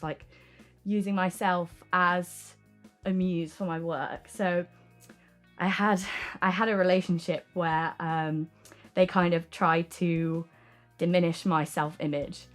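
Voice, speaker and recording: A young adult woman talking frankly and informally in an interview as an artist, often saying "like" and "um". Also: fairly low pitch. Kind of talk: candid casual interview talk. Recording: music playing behind the voice. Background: music.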